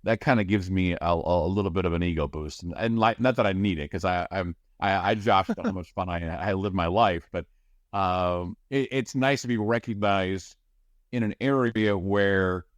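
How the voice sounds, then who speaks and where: A middle-aged radio play-by-play broadcaster answers questions in a casual podcast interview, chatty and rambling with many restarts. His voice sits low, his pace is moderate, and there's no echo.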